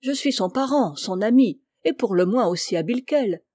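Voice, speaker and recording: A woman voicing a spiteful, scornful little yellow dwarf in a storybook reading, with a sneering, haughty delivery. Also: a little high, lively intonation, normal speed, no room sound, clean studio sound. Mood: wheedling.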